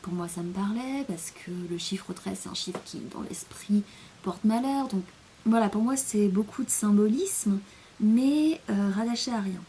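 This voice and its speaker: A woman's voice: mid-range voice, measured pace, dark tone, slight background noise. A young French woman chatting in a casual rambling monologue, hesitant, with many fillers, often sinking to a near-whisper. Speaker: vlogger.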